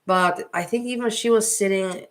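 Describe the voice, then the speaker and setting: A woman's voice: medium pitch, normal speed. A woman with a non-native English accent, hosting a casual livestream and talking bluntly, with heat and free swearing. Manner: blunt, heated, swears freely. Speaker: livestream host. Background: music playing.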